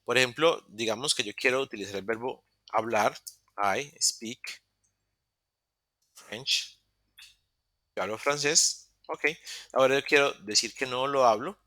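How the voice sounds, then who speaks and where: Male language teacher, very bright and forward tone, dry close sound; patient, step-by-step explainer who self-corrects. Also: mid-range voice, a little slow, pauses often, no echo. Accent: Latin American Spanish. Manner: self-correcting, restarts mid-word. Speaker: English teacher. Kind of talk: online beginner English class. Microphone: computer mic in a virtual session.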